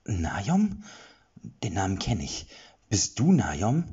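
A man's voice: fairly low pitch, huge pitch swings, takes it slowly, warm tone, slightly rough, heavily acted. A man voicing a young male hero, impatient and easily flustered, in an audiobook, on slightly muffled audio. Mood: confused.

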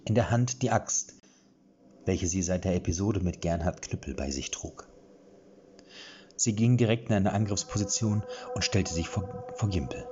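A man's voice: deep voice, moderate pace, a little mellow, dull audio, a little hiss or hum. A man narrating a fantasy story expressively, acting out the dialogue.

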